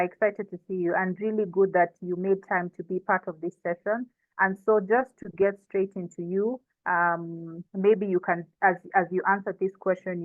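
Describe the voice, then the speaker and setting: Speaking in a fairly low voice with no room sound, a woman with a Kenyan accent from coastal Kenya casually hosts and moderates an online session, introducing the panelists. The audio is thin and phone-like, typical of an online call.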